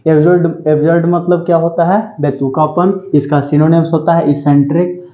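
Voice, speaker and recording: This male tutor's voice is on the high side with little pitch movement, at normal speed, as he teaches exam-prep English vocabulary. His delivery is repetitive, drilling words with "ठीक है" and self-questions, and the sound is roomy, dull and lo-fi.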